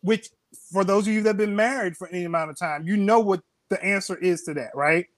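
High-voiced man bantering animatedly. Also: quick pace, dry recording, studio quality. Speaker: podcast co-host. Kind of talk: casual group banter.

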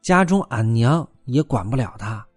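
A man's voice: medium pitch, animated, moderate pace, no room sound, clean studio sound, soft background music, natural voice. A man voicing a clever, tactful young male servant who talks in a coaxing, placating way.

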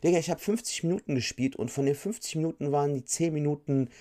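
A man's voice: a little high, quick pace, dark tone. A comedian chatting casually about his shows, telling loose, slangy stories and quoting voices as he goes. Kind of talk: casual chat.

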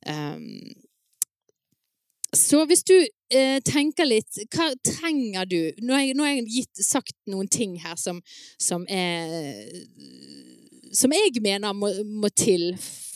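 A woman speaking to parents at an evening event, telling stories in a lively, chatty way with frequent laughs. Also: mid-range voice, dry recording, clean studio sound. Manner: many fillers and restarts, asks the audience "sant?". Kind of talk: live talk to an audience.

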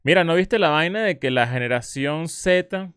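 A man's voice: on the high side, expressive, moderate pace, a bit bright, clean tone, no room sound, clean studio sound. A man co-hosting a casual podcast, recounting viral clips in slangy, joking talk. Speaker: podcast co-host. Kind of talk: casual live podcast chat.

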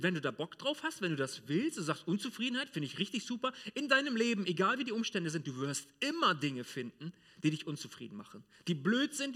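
Casting: male pastor from Germany, high bright voice, lively and direct sermon delivery in church. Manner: lively, direct, addresses the congregation informally.

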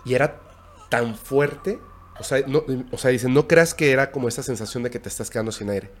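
Un hombre con acento mexicano narra con calma una historia de terror en una charla informal, con pausas y tono bajo. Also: male voice, medium pitch, slight background noise. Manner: recounting a scary story, hushed and halting. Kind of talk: casual storytelling.

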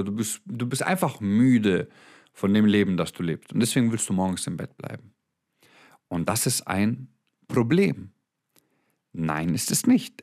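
A young motivational speaker with a fairly low, slightly mellow voice delivers a blunt, emphatic monologue straight to the listener. He speaks German sprinkled with English words and swears freely.

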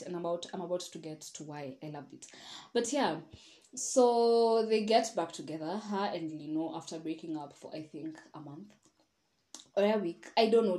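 A woman hosting a casual podcast, talking at length in a frank, rambling way, full of sighs and side comments. Her voice sits a little low, and the room around her echoes noticeably. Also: dark tone. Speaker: podcast host. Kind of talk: casual solo review monologue.

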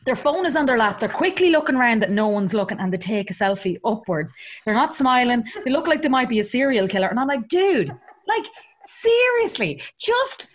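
Animated Irish woman, higher voice. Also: fast. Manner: animated, comic exaggeration. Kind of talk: casual chat.

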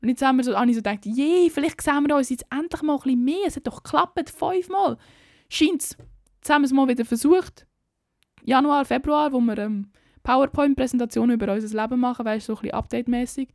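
Young woman, Swiss German accent, casual vlogger, chatty and frank, voice a bit high. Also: fast talker, darkish tone, no echo, studio quality. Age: young adult. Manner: chatty, slangy and candid. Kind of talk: casual chat.

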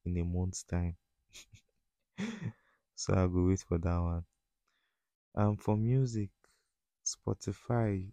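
Mellow low-key male voice, Nigerian accent, fairly flat intonation, slangy Pidgin-mixed talk, informal podcast host. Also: gravelly, dry recording. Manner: slips often into West African Pidgin. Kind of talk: casual solo podcast chat.

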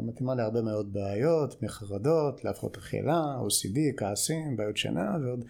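A man's voice: medium pitch, gravelly, a little mellow. A man from the United States with an American accent, explaining things as an expert guest in an interview, in a didactic way with short check-in questions. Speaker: guest clinical psychologist.

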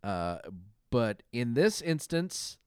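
A man's voice: mid-range voice, big pitch swings, slow pace, darkish tone, clean tone, no room sound, clean studio sound. A man co-hosting a podcast, talking in a rambling, hesitant way about music. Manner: rambling, hesitant, lots of fillers and restarts. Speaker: podcast co-host. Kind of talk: casual chat.

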